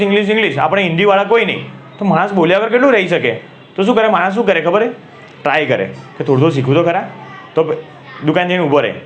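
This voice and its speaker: A man's voice: a little high, slight background noise. A man with a Gujarati accent teaching English grammar to a class, asking questions and repeating key words.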